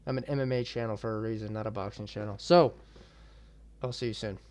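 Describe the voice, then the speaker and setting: A man's voice: fairly low pitch, steady tone, quick pace, darkish tone. Swearing young man ranting. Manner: profane, heated, blunt. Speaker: MMA channel host. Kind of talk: ranting reaction vlog.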